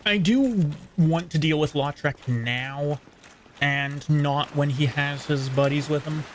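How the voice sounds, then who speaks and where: A man narrating his own gameplay in a loose, chatty way, often muttering little asides to himself. His voice sits a touch on the high side, and a faint background noise runs under the recording. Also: slow. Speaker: gameplay streamer. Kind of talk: casual gameplay commentary.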